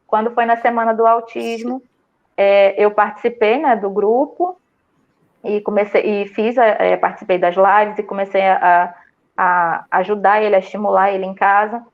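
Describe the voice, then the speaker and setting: A woman with a Brazilian Portuguese accent telling her story in a casual interview, animated and full of fillers and restarts. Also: medium pitch, normal speed, lo-fi sound. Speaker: student telling her experience.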